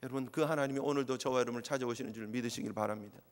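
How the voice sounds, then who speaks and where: A man's voice: medium pitch, fairly even intonation, very fast. A male pastor preaching an impassioned sermon, sometimes acting out quoted voices. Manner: impassioned, acts out God's voice in quotes. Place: church sanctuary. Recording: long church reverb.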